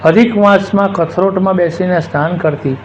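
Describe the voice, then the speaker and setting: A man from Gujarat narrating a religious story as a kathakar, in a measured recited way. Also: high-pitched. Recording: dull lo-fi with faint hiss.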